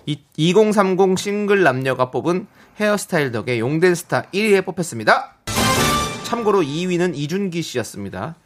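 A man's voice: sits high, normal speed, soft background music. A man hosting a radio quiz show in a studio, counting down and teasing the contestants. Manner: lively, counts down and teases contestants. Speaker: radio host.

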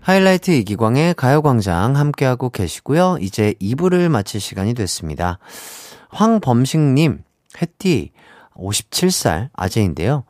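A man's voice: medium pitch, moderate pace, no room sound. A young man hosting a radio show, reading listener messages in a friendly, chatty way. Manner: lively, friendly, chatty with light laughter.

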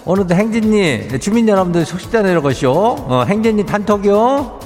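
A man's voice: high voice, sing-song, fairly quick, music in the background, pitched above the performer's own voice. A man voicing a folksy, rambling rural village headman with a Chungcheong accent, making announcements in a comic radio bit. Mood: folksy, chatty. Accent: Chungcheong Korean. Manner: rustic, rambling, repeats himself.

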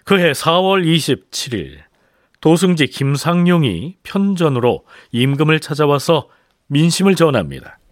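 Lively male history narrator, very dry sound. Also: a little high, unhurried, no room sound. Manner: rhetorical, storytelling. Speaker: documentary narrator. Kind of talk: dramatic scripted history narration.

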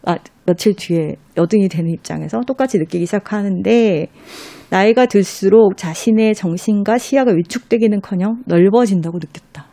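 Woman, mellow tone, dry close sound, talks books and reads passages aloud at an unhurried pace. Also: medium pitch, vocal fry, dry recording. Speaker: book recommender guest. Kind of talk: casual talk about books.

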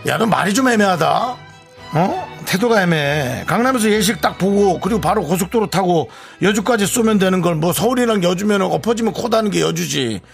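A man's voice: sits high, expressive, brisk, creaky, soft background music. A man playing a pushy, self-centered friend in a radio skit, fawning to guests and whiny to his friend.

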